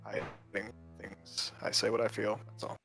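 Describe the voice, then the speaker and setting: A man's voice: lowish voice, little pitch movement, unhurried, vocal fry, fairly bright tone, soft background music. A man playing a tabletop game online, giving short, clipped in-character replies while his voice cuts out over a bad connection. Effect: bad online connection, voice cutting out.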